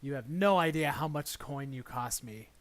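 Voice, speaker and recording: A man voicing a menacing, raspy, aggrieved criminal in a tabletop game. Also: mid-range voice, moderate pace, fairly bright tone, close to an everyday voice. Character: threatening raspy man with hand crossbow, aggrieved about money.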